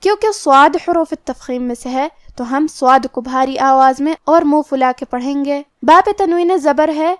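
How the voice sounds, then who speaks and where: A woman teaching Quran recitation rules, explaining each letter and rule slowly and methodically. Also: high-pitched, no room sound, clean studio sound. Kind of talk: tajweed lesson explaining rules.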